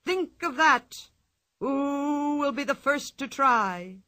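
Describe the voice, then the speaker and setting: A woman voicing a pompous, blustering male ringmaster who announces in a grand, drawn-out showman's style. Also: high-pitched, animated, bright, forceful tone, pitched above the performer's own voice, exaggerated voice. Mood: grandiose.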